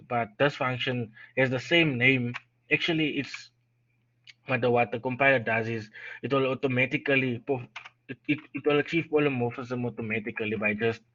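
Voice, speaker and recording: A man tutoring a live coding lesson while unwell, yawning, thinking aloud as he types, stumbling and restarting. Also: mid-range voice. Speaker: programming tutor. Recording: dull lo-fi audio with steady noise.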